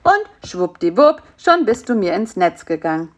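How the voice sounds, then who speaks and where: A woman's voice: medium pitch, big pitch swings, normal speed, natural voice. A woman voicing a fat, lazy male spider who acts the know-it-all but is timid at heart, in a storybook reading. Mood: sleepy smug. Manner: sleepy, smug, fretful. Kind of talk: storybook character voice.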